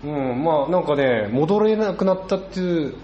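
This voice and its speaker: A man's voice: a little high, animated, normal speed, mellow, roomy sound, slight background noise. A man with a Fukushima accent chatting on a podcast, often laughing as he rambles. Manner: rambling, laughs while talking. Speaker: podcast co-host. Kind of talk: casual chat.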